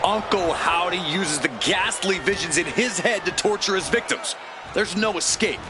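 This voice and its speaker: A man's voice: high voice, moderate pace, natural voice. A man working as a wrestling commentator, calling the action in dramatic, colourful phrases. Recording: very loud arena noise behind voice.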